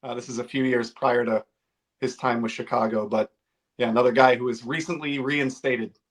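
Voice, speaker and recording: A man co-hosting a casual podcast in a middle-pitched voice. He talks in a halting way, filling gaps with "uh" as he goes. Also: fairly even intonation. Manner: hesitant, many "uh"s. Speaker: podcast co-host.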